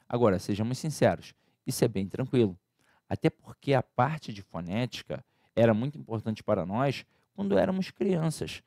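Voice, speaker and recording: A man's voice: mid-range voice, dark tone, dry recording. Male teacher, casual exam-prep lecture, chatty and informal, dry close sound. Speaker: Portuguese grammar teacher.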